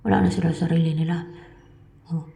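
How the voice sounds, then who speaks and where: A woman with a low, gravelly, mellow voice talks to her viewers about spiritual matters. She meanders and repeats herself, sometimes sinking to a whisper. The room around her is echoey. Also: little pitch movement, fast. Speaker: spiritual reader. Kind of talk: casual spiritual talk to viewers.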